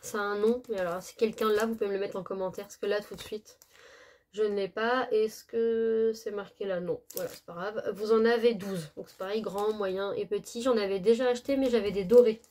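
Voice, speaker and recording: A woman's voice: medium pitch, fairly even intonation, a little fast, darkish tone. A woman casually presenting her scrapbooking purchases, chatty and often searching for words, correcting herself as she goes. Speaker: scrapbooking haul vlogger.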